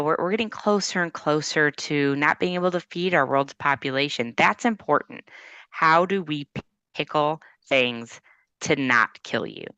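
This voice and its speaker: An earnest, slightly fumbling podcast host, played by a woman asks her questions in a low voice. The sound is dry and close. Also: fairly bright tone, clear, resonant tone, dry recording, dull audio, heavily acted. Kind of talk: improvised comedy podcast.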